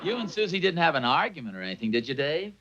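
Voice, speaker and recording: A man's voice: on the high side, big pitch swings, quick pace, fairly bright tone, a little hiss or hum. An actor playing a genial, meddling middle-aged father in a 1950s sitcom, chuckling and folksy as he offers to help. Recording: dull lo-fi 1950s TV soundtrack.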